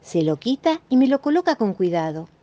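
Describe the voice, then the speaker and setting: A woman with a Rioplatense accent reading a children's story aloud in an expressive, playful way. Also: mid-range voice, a little fast. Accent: Rioplatense Spanish. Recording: dull muffled recording.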